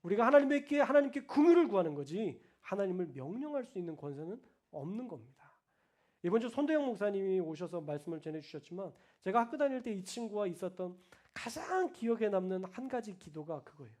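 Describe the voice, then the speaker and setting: A male pastor with a high voice preaches a sermon. He moves between forceful, loud declarations and quiet, almost whispered asides. He speaks colloquially, turning often to the congregation. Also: sing-song, brisk. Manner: swings between loud emphatic declarations and hushed, soft asides; colloquial, addresses the congregation directly.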